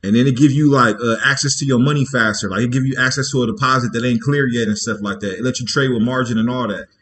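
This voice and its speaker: This livestream host speaks fast with a mid-range, slightly bright voice. His talk is slangy and relaxed, wandering as he thinks aloud, restarting, and dropping in frequent "you feel me" check-ins to his audience.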